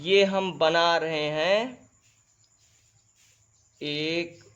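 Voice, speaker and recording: A man teaching English grammar in a lesson, who keeps calling the viewers "friends", asks if they follow, and spells out example sentences slowly, word by word. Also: on the high side, fairly even intonation, a bit bright, clear, resonant tone, dull audio. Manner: repeats "dosto" and "theek hai" constantly, drawing on a board. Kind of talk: classroom-style grammar lesson.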